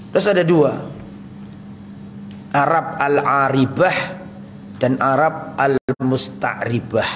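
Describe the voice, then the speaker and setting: A man delivers a relaxed sermon in a fairly high voice, often asking his listeners questions and answering them himself. Faint room ambience sits behind him. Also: slight background noise. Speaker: ustadz giving a religious study talk. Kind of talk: casual sermon with questions to the audience.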